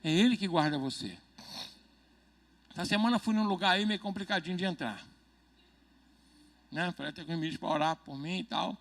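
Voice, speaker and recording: A man's voice: sits high, brisk, long pauses, a bit bright. A man preaching a midweek church sermon as pastor, talking conversationally, joking and constantly checking the congregation with questions. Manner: jokes and chuckles between points.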